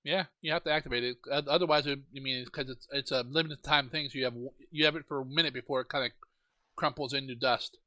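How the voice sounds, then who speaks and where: A man's voice: mid-range voice, steady tone, fast talker, sharp tone, no room sound. A man running an online tabletop game as game master, patiently explaining the rules and describing the scene.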